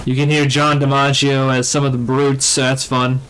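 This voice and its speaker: Man, let's play host, casual game commentary, medium pitch, faint game noise behind. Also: level tone, moderate pace, a bit bright, poor audio. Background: video game sound.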